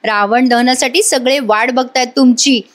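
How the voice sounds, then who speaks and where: A sly, scheming woman with a mocking, taunting edge, voiced by a woman narrating a recap. Her voice runs high. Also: fairly even intonation, moderate pace, natural voice.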